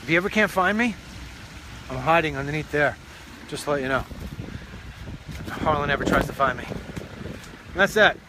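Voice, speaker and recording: A man's voice: a little high, moderate pace, pauses often, noisy background. A man hosting a casual walk-and-talk vlog outdoors, chatting and joking as he walks around a pond on his property. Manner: chatty, rambling, joking asides. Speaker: show host.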